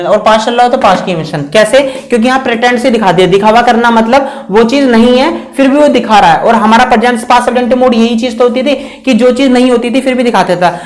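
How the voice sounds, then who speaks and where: A male teacher explains grammar in a steady classroom lecture. He keeps asking rhetorical questions and answering them himself, and he drags out the English example sentences word by word. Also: extremely high pitch.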